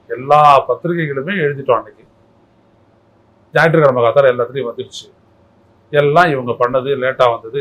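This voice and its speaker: A man's voice: mid-range voice, fairly bright tone, poor audio. A man talking as a political commentator in a heated interview, combative and mocking, firing off rhetorical questions. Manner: mocking, scolding tone.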